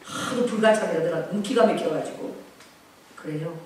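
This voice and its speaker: A woman in her late forties, a pastor giving a sermon, telling stories with animated swings between loud outbursts and soft asides. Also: fairly low pitch, normal speed, slight background noise. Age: 40s. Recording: echoey room heard from a distance.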